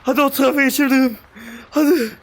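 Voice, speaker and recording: A young man giving casual, excitable commentary on a VR game, slangy, with loud outbursts, sometimes speaking English. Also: extremely high pitch, fast talker. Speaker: gaming youtuber.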